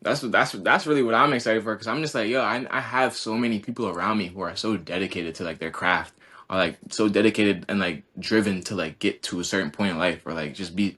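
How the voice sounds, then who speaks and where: This twentysomething man plays college basketball and speaks quickly, his lowish voice sharp with a breathy edge. Chatting casually on a podcast, he rambles with earnest sincerity and leans on "like" constantly.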